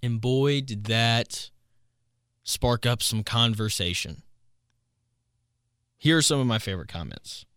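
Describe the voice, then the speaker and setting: A man in his twenties talks through a casual solo podcast, clearly amused and breaking into laughs at his own stories. His voice sits at an ordinary middle pitch. The recording is close and dry, with no room sound. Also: slow, pauses often, fairly bright tone, no echo. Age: 20s. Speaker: podcast host.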